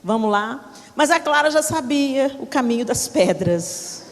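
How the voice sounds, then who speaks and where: A middle-aged woman preacher, telling a story in a sermon with lively, dramatic delivery and acted-out voices. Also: high voice, unhurried. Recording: echoey hall reverb.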